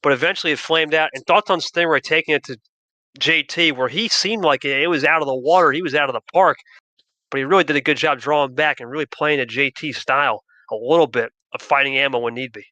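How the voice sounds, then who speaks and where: A man leading the commentary on a card game match, excitable and passing questions to his co-hosts. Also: a little high, quick pace, no room sound, poor audio. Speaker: lead commentator.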